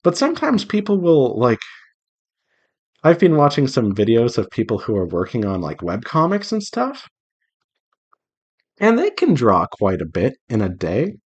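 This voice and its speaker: His medium-pitched voice swoops wildly, keeps a measured pace with frequent pauses, sounds slightly rough, and has its highs cut off. As a visual novel developer hosting a draw-along devlog, he chats casually to viewers while drawing, thinking aloud in a rambling way that reassures himself.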